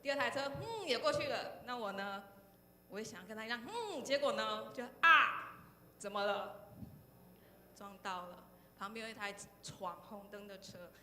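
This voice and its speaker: A woman with a Taiwanese Mandarin accent gives an animated testimony to a youth congregation, often pausing on "然后呢" and turning questions to her listeners. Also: mid-range voice. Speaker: speaker sharing a testimony at a youth service. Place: church hall. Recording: echoey hall, faint background noise.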